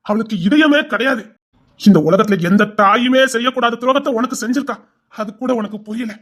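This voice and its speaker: A man's voice: very high voice, a bit bright. An actor with a Tirunelveli Tamil accent playing a stern, remorseful older father who scolds and then pleads with his daughter.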